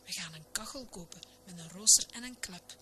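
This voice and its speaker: A woman's voice: fairly low pitch, brisk, sharp tone. A woman whispering as fussy old spinster ladies, whispered role-play. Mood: fussing. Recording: noisy recording.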